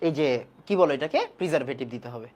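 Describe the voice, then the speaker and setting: A woman's voice: sits low, quick pace, darkish tone. A woman teaching a chemistry class online, repeating key points and quizzing the class.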